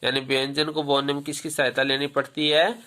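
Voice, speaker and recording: Teacher, male, bright forceful delivery; poses questions and answers them, repeats points for pupils. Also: on the high side, level tone, a little fast. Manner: asks a question, then answers it himself; repeats key points; tells pupils to remember. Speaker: Hindi grammar teacher. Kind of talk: classroom lesson with questions to pupils.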